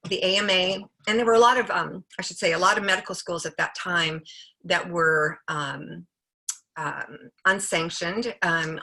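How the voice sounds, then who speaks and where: A woman in her late sixties, a homeopathic practitioner, chatting and telling stories from her practice over a video call, acting out the people she quotes. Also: vocal fry. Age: 60s. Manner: chatty, animated, acts out quotes with raised pitch. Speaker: homeopathic practitioner and book coauthor. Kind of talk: casual storytelling talk.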